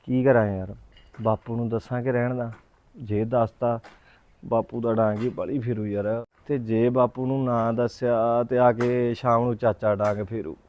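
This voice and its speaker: A man's voice: medium pitch, steady tone, moderate pace, dull audio, lightly acted. A young man playing a nervous village youth who stammers and pleads in a panic. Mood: fretting.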